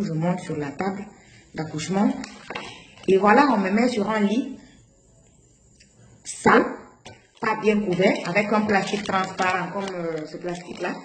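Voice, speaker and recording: A woman tells a personal story with emotion and acts out the voices of the people in it. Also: mid-range voice. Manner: animated, acts out the dialogue of others. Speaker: guest recounting a personal experience. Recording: roomy with faint background noise.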